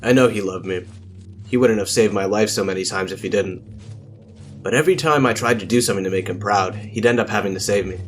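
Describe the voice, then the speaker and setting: A man's voice: on the low side, quick pace, soft background music, lightly acted. A man voicing a meek, self-doubting young recruit who speaks in a subdued, sad way.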